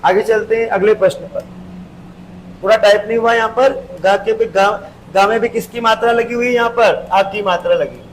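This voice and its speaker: A male teacher giving an exam-prep grammar lesson, explaining step by step, repeating key terms and drawing sounds out slowly. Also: high-pitched, steady tone, a little hiss or hum, rough recording.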